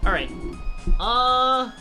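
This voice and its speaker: Soft background music plays as a male game streamer reads a visual novel live and chats with viewers. His voice is very high and sharp, with lively intonation and a very slow delivery. He stumbles often, repeating and restarting words, and delivers lines with dramatic emphasis.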